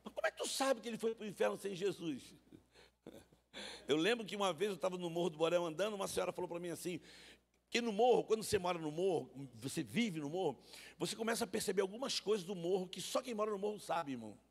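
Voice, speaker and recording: A man's voice: sits high, expressive, fast, gravelly, slightly rough. A man preaching a sermon in church, telling stories and calling his listeners brothers. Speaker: pastor. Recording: reverberant church hall.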